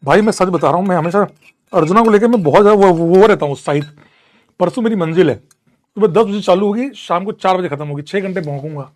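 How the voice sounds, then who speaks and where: A man's voice: high-pitched, fast talker. A young man teaching a live online class from a room at home, chatty and teasing as he answers students. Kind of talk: casual live class banter.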